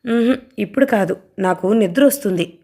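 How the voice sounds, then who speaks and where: A woman's voice: medium pitch, unhurried, darkish tone, lightly acted. A woman voicing a playful young wife who teases her husband in a coy, sing-song way in an audio novel.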